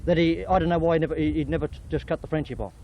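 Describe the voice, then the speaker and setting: A man's voice: a little high, steady tone, very fast. An older Australian man with a broad accent, chatting casually in a blunt, emphatic, opinionated way full of slang. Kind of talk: casual chat. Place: casual group recording on amateur camera. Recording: dull lo-fi sound with light noise.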